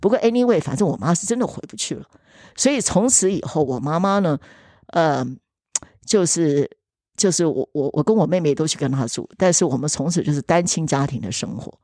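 Husky-voiced woman telling her story. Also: low-pitched, expressive, brisk, dark tone, no room sound, studio quality. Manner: earnest, reflective, hesitant restarts. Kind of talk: personal storytelling in a podcast chat.

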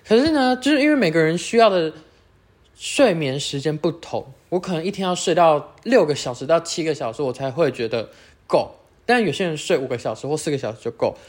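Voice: mid-range voice, lively intonation, a little fast, darkish tone. Teen speaker, Taiwanese Mandarin accent, casual solo podcast chat, rambling, self-correcting. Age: late teens. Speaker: podcast host.

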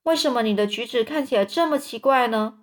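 A woman's voice: on the high side, fast, natural voice. A woman voicing a frightened, grief-stricken queen and mother who cries out accusations in a storybook reading. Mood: fearful. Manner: trembling, hysterical, accusing. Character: anguished queen, a wife and mother.

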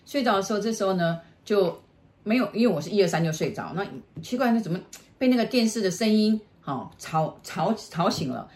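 A middle-aged woman from Taiwan with a Taiwanese Mandarin accent, casually telling a ghost story in halting bursts with many restarts and repeated words. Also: medium pitch, expressive, a little mellow. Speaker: storyteller, the host's mother.

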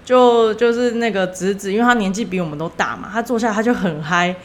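A woman's voice: mid-range voice, brisk. Young woman, chatty podcast host, loose rambling storyteller. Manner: rambling, many fillers and self-corrections. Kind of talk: casual storytelling.

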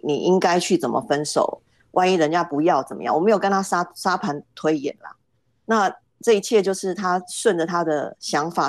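Middle-aged woman, low voice, dry close sound, hesitant guest telling a story. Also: a little mellow, no room sound. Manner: hesitant, repeats words as she starts. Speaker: podcast guest. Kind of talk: casual storytelling.

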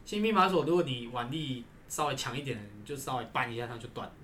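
A man's voice: mid-range voice, fast talker, a loud crowd. A man, casually telling stories from his gym job, often agreeing with "对". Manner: relaxed storytelling with frequent "对". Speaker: gym employee sharing stories. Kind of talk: casual podcast chat. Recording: faint background noise.

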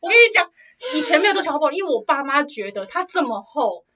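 A young woman with a Taiwanese Mandarin accent tells a story at a rapid clip, her voice sitting a little high. She laughs often and acts out what people said. The recording sounds dull and lo-fi. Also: big pitch swings, sharp tone. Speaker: podcast co-host. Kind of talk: casual chat, storytelling. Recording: dull lo-fi audio.

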